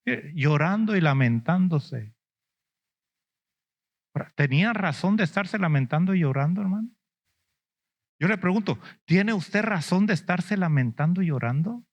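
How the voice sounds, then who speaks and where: Higher-voiced man preaching a lively sermon. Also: unhurried, pauses often, dull audio. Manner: questions the congregation, answers with "mm?" and "ujú"; acts out lamenting believers in a higher whiny voice. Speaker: apostle preaching.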